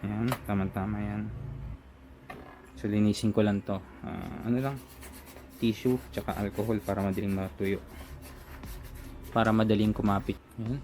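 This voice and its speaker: With a lowish, warm voice and a steady tone, a Filipino man speaks at normal speed, leaving long pauses. He's a reviewer casually walking through unboxing and installing a product, narrating his own work one step at a time. Background music plays.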